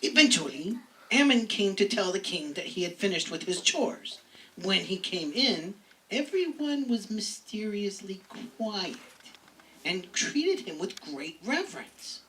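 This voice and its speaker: A woman's voice: mid-range voice, big pitch swings, unhurried, a bit bright, recorded from a distance, a little hiss or hum, rough recording. A woman narrating a story for an amateur puppet show. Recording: recorded away from the mic.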